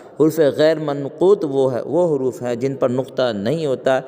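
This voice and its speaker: A man's voice: medium pitch, mellow, in a large hall. Man teaching a grammar lesson. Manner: quizzing, repeating questions and answering them himself; counts aloud and spells out letters one by one. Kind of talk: exam-prep grammar lesson.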